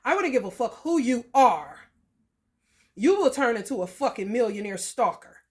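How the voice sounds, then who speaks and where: A woman ranting to her viewers in a blunt, profane, animated storytelling way. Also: fairly high pitch, moderate pace. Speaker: vlogger. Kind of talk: profane rant to camera.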